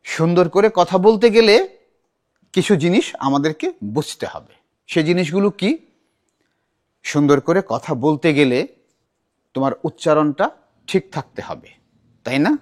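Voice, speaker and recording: A middle-aged man teaching a children's recitation class, animated and asking the class many questions. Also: on the high side, unhurried, pauses often.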